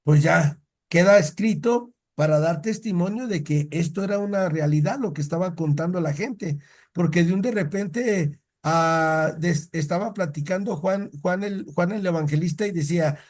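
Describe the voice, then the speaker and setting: A man leads a relaxed catechism lesson, his voice sitting noticeably high for a man. He talks in a storytelling way and often stops to restart a word or phrase. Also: moderate pace. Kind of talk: casual Bible teaching.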